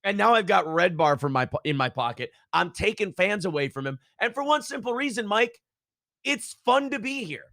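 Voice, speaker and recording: A man's voice: high voice, very animated, moderate pace, sharp tone, no echo, studio quality. A man hosting a podcast, ranting and mocking in casual chat. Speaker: podcast host.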